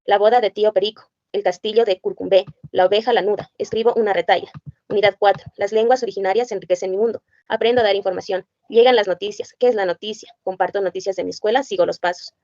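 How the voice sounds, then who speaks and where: A woman's voice: medium pitch, steady tone, quick pace, darkish tone, no room sound, highs cut off. A woman reads a curriculum list aloud, spelling out letters and sounds one by one. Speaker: presenter.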